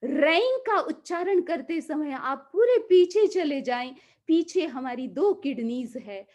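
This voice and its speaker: A woman giving a calm, slow mantra lesson, drawing out the chanted syllables. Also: sits high. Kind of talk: guided mantra pronunciation lesson.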